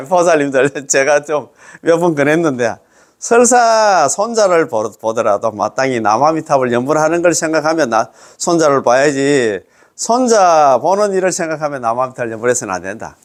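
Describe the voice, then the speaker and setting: Male buddhist lecturer, fairly high voice, chuckles often, drops low to end each point. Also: big pitch swings, normal speed. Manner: laughs often, closes points with a low trailing phrase. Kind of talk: Buddhist dharma lecture to lay followers.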